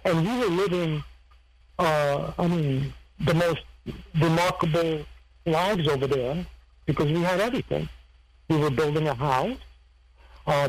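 A man from Serbia who tells his story in a halting, rambling interview style, searching for words as he goes. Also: on the high side, low-quality recording. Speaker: guest, former heist crew member.

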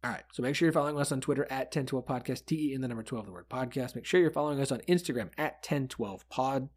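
A man's voice: mid-range voice, fast talker, breathy edge. A man hosting a sports podcast in a casual, conversational way. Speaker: podcast host.

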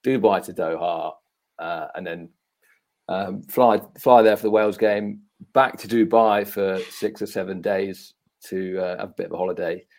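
A man's voice: low voice, normal speed. A man from Leicester with a Leicester accent, chatting casually about football as a podcast panellist. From Leicester, England.

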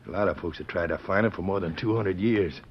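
A rough, scheming cowboy outlaw, played by a man, with a deep American drawl. It is old-time radio western acting on a muffled recording with clear noise. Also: fast, close to an everyday voice. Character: scheming male outlaw ex-convict, rough and wary.

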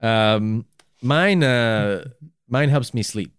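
A man's voice: medium pitch, drawn-out words, clean tone, no echo. An American man co-hosting a comedy podcast in casual, goofy, sweary banter.

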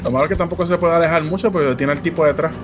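A man's voice: fairly high pitch, very fast, noisy background. A man with a Puerto Rican accent giving reassuring, casual advice to his teammates during a video game. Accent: Puerto Rican Spanish. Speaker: player advising teammates. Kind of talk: casual gameplay chat.

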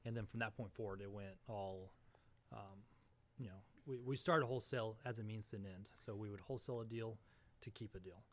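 Quick, low-voiced man with dry humor. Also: fairly even intonation, a bit bright. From Springfield, Missouri, USA. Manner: dry, sarcastic humor, rambling with fillers. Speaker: podcast guest, real estate investor. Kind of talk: casual interview chat.

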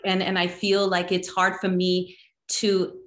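A woman's voice: lowish voice, monotone, measured pace. Earnest woman in an echoey room. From Dominican Republic. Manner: earnest, laughs often, restarts. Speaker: guest. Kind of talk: personal conversation.

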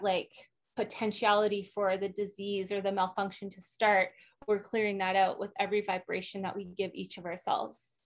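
A woman speaks at a mid-range pitch as a podcast guest, laying out her methods in an earnest, explanatory way. Her talk is loose and chatty, dotted with fillers as she thinks aloud. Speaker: guest, emotional wellness coach. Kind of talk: conversational podcast interview.

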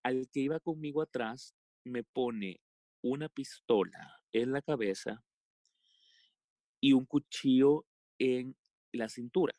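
A man from El Salvador with a Salvadoran accent, telling a personal story as a podcast guest in a halting way, with many fillers and restarts. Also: mid-range voice, dark tone, no room sound, clean studio sound. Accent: Salvadoran Spanish.

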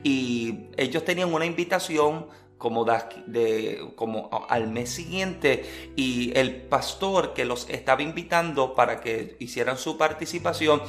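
Male preacher telling a testimony. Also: medium pitch. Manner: storytelling, earnest and lively. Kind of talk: personal testimony in a sermon.

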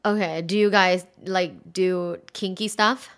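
A woman's voice: on the low side, steady tone, unhurried, a bit bright. A woman from Thailand, a sex educator talking frankly and candidly in a casual interview, giggling often and filling her sentences with "like". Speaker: sex educator and college instructor.

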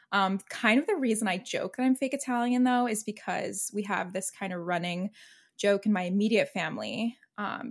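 A woman's voice: medium pitch, gravelly. A young woman co-hosting a pop culture and law podcast, telling stories in a chatty way with some hesitant restarts. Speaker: podcast co-host, attorney. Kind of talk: casual chat.

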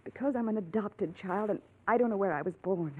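The role is a desperate young farm woman, earnest and urgently pleading for help, in a 1940s radio drama. The young adult actress delivers it in a brisk, mid-range, lightly acted voice, and the recording carries the faint noise of narrow-band old radio.

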